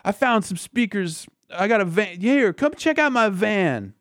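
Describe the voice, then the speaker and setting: A man's voice: sits high, expressive, unhurried, a bit bright, no echo, clean studio sound, pitched above the performer's own voice. A man voicing a goofy young male surfer-dude stoner, drawling slangy and profane lines as a comic impression in a casual chat. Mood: laid-back.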